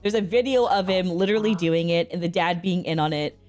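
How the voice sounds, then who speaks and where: A woman's voice: lowish voice, a little fast, faint music behind. A woman co-hosting a podcast, chatting casually and expressively about online drama. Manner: chatty and expressive, laughs easily. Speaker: podcast co-host. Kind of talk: casual chat.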